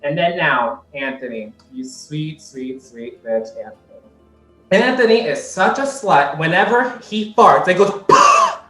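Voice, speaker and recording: A man's voice: a little high, lively intonation, measured pace, fairly bright tone, faint music behind. A man performs a crude roast in a campy, sassy way, and he swears freely. He is heard over a video call, and his voice carries a roomy echo. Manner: sassy, profane, campy delivery. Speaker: roast contestant.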